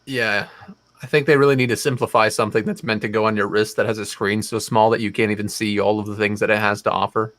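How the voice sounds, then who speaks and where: A man's voice: fairly low pitch, fairly even intonation, fast, a bit bright, no echo. A man hosting a live stream, talking in a wry, profane, think-aloud way. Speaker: stream host. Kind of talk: casual chat.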